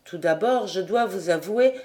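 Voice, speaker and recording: A woman's voice: medium pitch, expressive, moderate pace, warm tone, close to an everyday voice. A woman reading the part of a shy but earnest poor boy apprentice in an audiobook, eager and a little flustered. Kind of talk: audiobook character voice.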